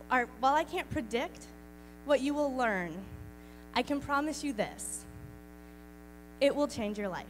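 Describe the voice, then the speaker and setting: A woman's voice: high-pitched, rough recording. A woman gives heartfelt, encouraging closing remarks to a live audience. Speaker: speaker at a live community talk night.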